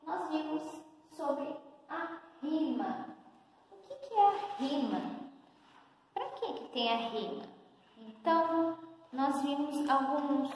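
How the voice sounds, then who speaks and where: A woman's voice: sits high, lively intonation, a little mellow. Patient teacher woman, very echoey room. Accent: Brazilian Portuguese, São Paulo state. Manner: slow, patient, explaining step by step with questions. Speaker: first-grade teacher. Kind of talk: recorded lesson for young pupils. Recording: very echoey room, long reverb, faint noise.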